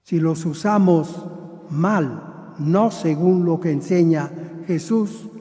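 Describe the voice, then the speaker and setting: Slow, high-voiced priest in echoing church. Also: male voice, mellow. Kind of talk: liturgical Gospel reading and homily. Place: large reverberant church. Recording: echoing church, long cathedral-like reverb.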